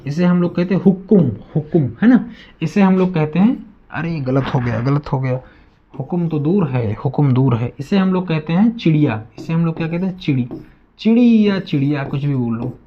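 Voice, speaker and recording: High-voiced man teaching, muffled sound. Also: expressive, normal speed. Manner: asks questions and answers them himself, repeats words; addresses students as children. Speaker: maths teacher. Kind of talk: classroom lesson.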